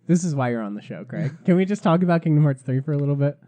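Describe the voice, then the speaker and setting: A young man hosting a casual gaming podcast, chatty and quick to laugh, steering the talk from topic to topic. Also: fairly high pitch, animated, dark tone, muffled recording. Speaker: podcast host. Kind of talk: casual chat.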